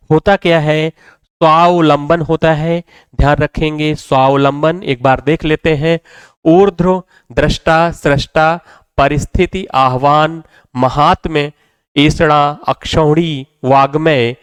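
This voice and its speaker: A man teaches spelling in a slightly high, crisp voice, repeating every word and quizzing the class with rhetorical questions. The sound is dry and close, with no room echo. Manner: repetitive, drills words and asks rhetorical questions. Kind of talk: classroom lecture.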